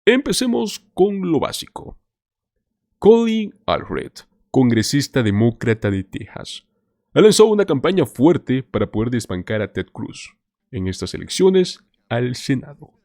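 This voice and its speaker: A man hosts a political commentary show, addressing viewers as "señores" in an emphatic, scripted delivery. His medium-pitched voice swings widely in pitch, is a little slow and a little mellow, and the recording is dry and studio quality.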